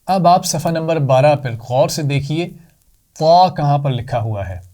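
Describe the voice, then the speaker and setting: A man's voice: fairly high pitch, animated, warm tone. A man teaching a children's Quran reading lesson, patiently repeating letter sounds for the pupils to copy and praising them often.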